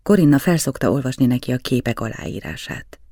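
Man reading a novel, gravelly dry voice. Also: medium pitch, lively intonation, dark tone, dry recording. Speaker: audiobook reader. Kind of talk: scripted narration of a novel.

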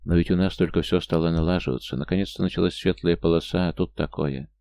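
A man's voice: low voice, steady tone, fast, creaky, darkish tone, dry recording. A male audiobook reader voicing a frightened young single mother, pleading and close to tears. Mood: despairing. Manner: anxious, pleading, tearful.

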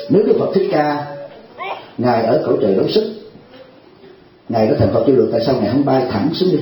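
A man's voice: mid-range voice, dark tone. A man, a Buddhist teacher, giving a humorous, chatty sermon at a retreat and constantly asking his listeners "right?". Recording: heavy hall echo.

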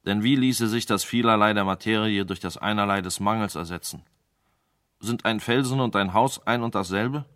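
A man's voice: lowish voice, moderate pace, a bit bright, no room sound, studio quality, natural voice. A man voicing a cruel, mocking old king in a radio play, scornful and imperious.

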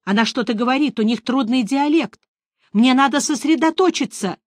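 A woman's voice: high voice, moderate pace, no room sound, clean studio sound, voice pushed up, lightly acted. A woman doing a curt, impatient witcher. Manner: curt, insistent, raised voice. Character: stern grown male witcher, curt and impatient.

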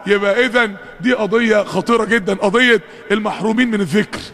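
A fast-talking preacher with a high-pitched, fairly bright voice and an Egyptian accent gives a fervent mosque sermon. He addresses the congregation with calls and rhetorical questions, recorded in an echoing mosque hall.

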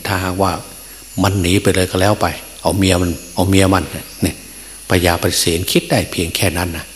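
A male Buddhist monk teacher telling a story in a sermon. He speaks in a folksy way, with many filler sounds and chuckles, in a temple hall. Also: sits low. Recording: long reverb, faint hum.

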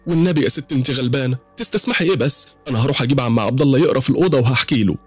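A man's voice: medium pitch, racing, husky, soft background music, pitched above the performer's own voice, lightly acted. A man with an Egyptian accent voicing a frightened young woman, a new mother, who pleads and stammers. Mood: pleading. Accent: Egyptian Arabic.

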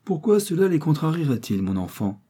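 A cheerful elderly gentleman who speaks kindly and genially to his young relatives as a male reader puts him on. His voice is raised a little above the reader's, dark and husky. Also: a little high, very animated, fairly quick, pitched above the performer's own voice. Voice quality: genial, warm-hearted. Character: kindly old country gentleman, jovial uncle.

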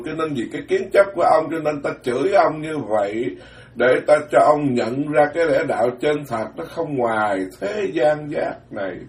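A man, a Buddhist monk giving a dharma talk in a blunt, plain-spoken way, alternating quick asides with slow, weighty phrases. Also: fairly high pitch. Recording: roomy, distant mic.

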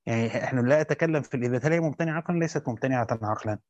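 Fast-reading man teaching. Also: medium pitch, darkish tone, no echo. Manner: quick recitation with brief spoken asides to students. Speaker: teacher reading a Quran commentary. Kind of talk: reading a classical text aloud with commentary. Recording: dry dull lo-fi recording.

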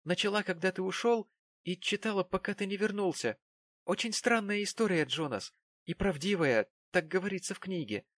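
A man doing a gentle, timid young wife in a storybook reading, raising his voice high and soft. She sounds meek and pleading, recorded close and dry. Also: animated, normal speed, no room sound. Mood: falsely cheerful. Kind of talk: audiobook character voice.

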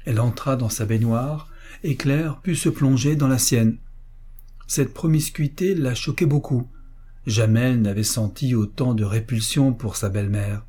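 Reading a classic story in short, measured phrases, a male audiobook narrator speaks with a mellow, dark, husky voice at medium pitch.

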